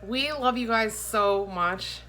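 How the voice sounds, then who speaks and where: A woman in her thirties, a vlogger and host, chats and tells stories to the camera in a casual, playful, giggly manner. Her voice is fairly high and sharp, and she takes her time. It was recorded on a phone held at arm's length in her home kitchen, with faint background noise.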